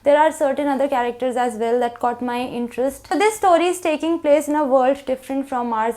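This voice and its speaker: High-voiced young woman reviewing a book. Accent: Indian English. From India. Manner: earnest, even explaining tone with frequent "so" openers.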